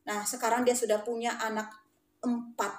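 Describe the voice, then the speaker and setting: A woman's voice: a little high, little pitch movement, normal speed, soft background music. A middle-aged woman, a teacher and former principal, telling stories animatedly and emotionally, acting out the voices. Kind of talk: storytelling in casual conversation. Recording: roomy echo.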